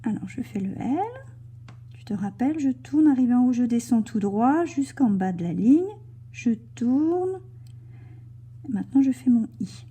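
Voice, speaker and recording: A woman leads a cursive writing lesson for young children, speaking slowly and guiding each stroke. Her voice is fairly high but very mellow and dark in tone, with a strongly breathy, husky quality. She slips into soft whispers as she writes. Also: animated. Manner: slow, gentle, talks the child through each stroke. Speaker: teacher.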